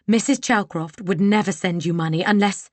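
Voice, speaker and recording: A woman's voice: mid-range voice, moderate pace, a little mellow, dry recording, voice pushed up, lightly acted. A woman voicing a proud, defiant young lady with a tense, pleading edge for an audiobook. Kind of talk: audiobook character voice.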